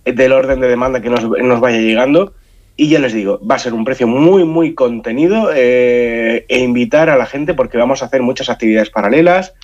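A man's voice: mid-range voice, moderate pace, a little mellow. A man from Spain with a nasal voice stuffed up by a cold, explaining things conversationally in a radio interview and often repeating words. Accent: Spanish from Spain. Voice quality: nasal, congested. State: has a head cold. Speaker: science outreach association spokesman, radio guest. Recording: muffled, dull band-limited sound.

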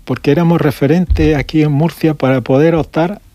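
Older man from Galicia, guest on radio, dry close mic, unhurried storyteller. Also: a little high, fairly even intonation, mellow, no echo. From Galicia, Spain. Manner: unhurried storytelling with pauses and restarts. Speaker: guest, electronics shop owner. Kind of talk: radio interview. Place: radio studio.

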